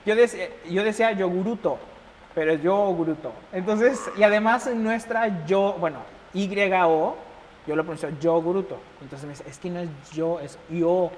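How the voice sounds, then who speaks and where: Animated Mexican man in reverberant room. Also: high voice, moderate pace. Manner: animated, acts out quoted dialogue, laughs often. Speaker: embassy chef, interview guest. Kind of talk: casual interview storytelling. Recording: reverberant room with faint noise.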